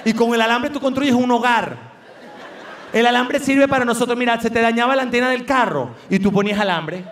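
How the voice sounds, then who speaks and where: A man's voice: very high voice, fairly quick, a little hiss or hum. A Venezuelan man doing live stand-up comedy, telling stories animatedly and acting out the people in them. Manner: animated storytelling with voices. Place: large live venue. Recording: echoey live venue from far off.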